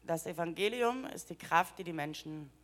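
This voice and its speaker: Woman translating a sermon on the fly, slightly low voice, phrase by phrase. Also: expressive, moderate pace. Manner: renders each phrase into German right after the preacher. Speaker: interpreter. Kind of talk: live sermon interpreting.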